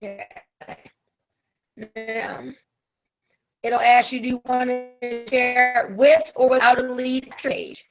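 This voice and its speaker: A woman's voice: a little high, slow, pauses often, over music. Woman tutor on a video call, metallic robotic garble, tinny narrow line, step-by-step delivery. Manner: steady step-by-step explaining. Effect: robotic, metallic call audio. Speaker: presenter teaching a product demo. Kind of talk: online group tutorial.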